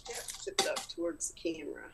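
A woman's voice: deep voice, huge pitch swings, fast, creaky, background noise. A woman helping a cook, prompting him with instructions and reminders.

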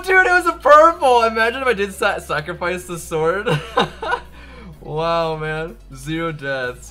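A man streaming a game in a very high, bright voice, hyped up and swearing in loud bursts. Faint music plays behind him. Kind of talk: excited gameplay streaming.

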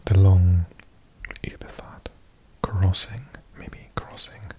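A man whispering softly and unhurriedly as an ASMR host, reading aloud close to the mic. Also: low-pitched, flat delivery, background noise. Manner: soft, breathy ASMR whisper, slow and unhurried.

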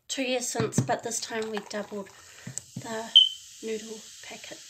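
This young adult woman hosts a food challenge vlog from home, talking casually in clipped, halting bits as she makes and eats food at a table indoors, kitchen or dining room. Her voice is somewhat high and even in tone. Recorded on a phone propped at arm's length, the sound is very noisy and clicky.

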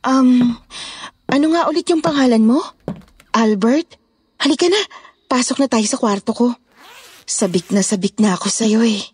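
A woman playing a proud, sharp-tongued wealthy matron in a dramatized horror story, speaking in a cutting, sarcastic manner. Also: fairly high pitch, lively intonation, normal speed, long pauses, a little hiss or hum, natural voice. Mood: seductive. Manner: tearful, then cutting and sarcastic.

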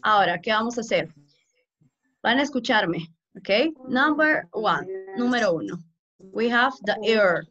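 A woman English teacher with a Peruvian Spanish accent, giving an online class slowly and with a lot of repetition. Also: fairly high pitch, expressive, a bit bright, faint music behind. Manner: slow and repetitive, code-switching. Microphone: video call. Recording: muffled video call audio, faint noise.

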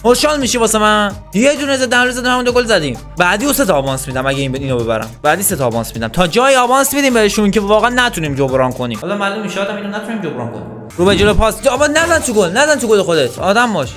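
A man's voice: sits high, faint music behind. A man hosting a gaming channel, commentating his own online football match like a sportscaster and trash-talking his opponent. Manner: excitable, trash-talks the opponent; calls the play like a sportscaster.

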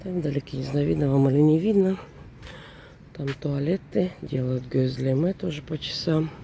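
A Russian-speaking vlogger in her forties who lives in Germany strolls around a seaside resort early in the morning, chatting in a casual, rambling way and correcting herself as she goes. A cold has made her voice hoarse, but it stays warm and low, at a moderate pace, with slight background noise.

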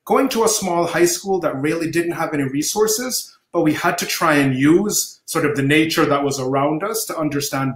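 A middle-aged man from Jamaica, a professor, answering interview questions over a video call with measured storytelling. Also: fairly high pitch. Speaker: guest professor. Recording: roomy video-call audio.

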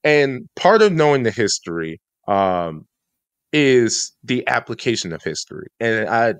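Male podcast co-host, very deep voice, emphatic and motivational, dry close sound. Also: fairly bright tone, dry recording. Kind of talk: casual podcast discussion. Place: studio.

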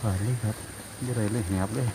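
A man with an Isan accent giving casual commentary as he fishes outdoors, breaking into loud excited exclamations. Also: on the low side, brisk, gravelly. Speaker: fishing vlogger. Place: outdoors by natural water. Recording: outdoor insect noise. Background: crickets and insects.

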